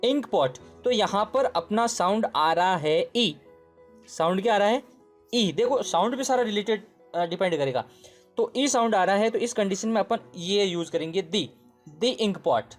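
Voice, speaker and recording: Guy teaching english grammar, repeats himself, fixes his own slips, soft music behind. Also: high-pitched, expressive, normal speed. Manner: repeats points, often checks in with the listener; stops to correct himself mid-sentence. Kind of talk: casual spoken lesson.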